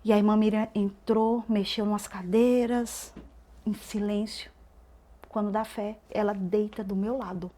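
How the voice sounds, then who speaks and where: A woman telling an emotional personal testimony as a podcast guest, swinging between loud and hushed delivery. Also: mid-range voice, flat delivery, a little slow.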